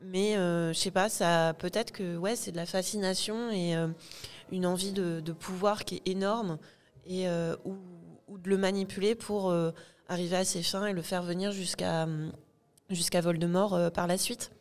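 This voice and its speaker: A woman's voice: on the low side, steady tone, normal speed. A woman who is a guest on a live podcast, thinking aloud in a tentative way with many hesitations. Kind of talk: casual discussion before a live audience.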